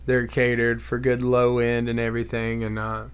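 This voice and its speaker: A man's voice: medium pitch, smooth. A young man co-hosting a podcast in casual chat, laughing easily and explaining things. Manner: slow, relaxed, with frequent laughter. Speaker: podcast co-host.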